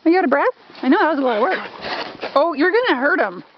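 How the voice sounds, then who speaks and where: Cooing high-voiced woman outdoors. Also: animated, quick pace, lo-fi sound, slight background noise. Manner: laughing often, cooing affectionately. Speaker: horse owner filming her horse. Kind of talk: casual chat to a horse. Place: outdoors by a paddock fence.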